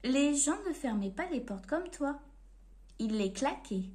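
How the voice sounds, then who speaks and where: A woman reading a storybook aloud to children in an expressive, playful way. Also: high-pitched, a little slow.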